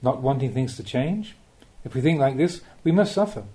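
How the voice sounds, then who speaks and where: An audiobook of a scripted spiritual teaching is read by a male Buddhist monk who uses measured, deliberate phrasing and rhetorical questions. The voice is mid-range, mellow, and animated.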